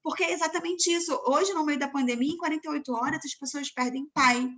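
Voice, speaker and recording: A woman from Brazil hosting a casual chat, talking warmly and loosely with lots of "né" fillers. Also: sits high, fast. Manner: chatty, many fillers like "né". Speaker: host.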